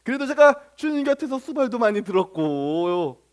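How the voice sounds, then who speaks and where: Preacher as eager disciple, high voice, self-justifying plea. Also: male voice, very animated, moderate pace, smooth. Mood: pleading. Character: apostle Peter, eager man sure he ranks first.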